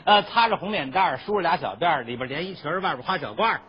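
A man performing crosstalk comedy as the lead comedian, telling a story quickly and mimicking other people's voices. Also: fairly high pitch, expressive, breathy edge, highs cut off.

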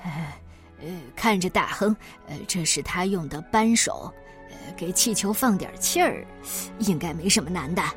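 A woman puts on a jittery grown man in a storybook, a doctor who stammers and hems over every other word. The voice sits lower than her own and keeps its swooping rises and falls. Soft music plays faintly behind him. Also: animated, normal speed, close to an everyday voice. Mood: nervous. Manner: stammering, hesitant. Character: timid fussy English doctor, grown man.

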